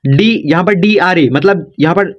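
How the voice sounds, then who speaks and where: Friendly male teacher, high-pitched, repeats and coaxes, casual lesson on a muffled recording. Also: normal speed. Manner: repetitive, coaxing, says "dekho" and "yaar" often.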